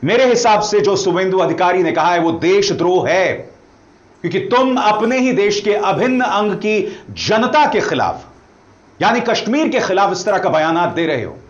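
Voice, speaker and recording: Male commentator, sharp rhetorical questioner, lively high delivery, echoey and a bit muffled. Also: normal speed. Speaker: news commentator. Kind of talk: opinion news commentary.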